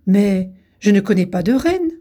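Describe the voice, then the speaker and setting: A woman's voice: medium pitch, big pitch swings, unhurried, mellow. A woman reading the part of a humble young male peasant who answers with hesitant, surprised questions. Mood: puzzled.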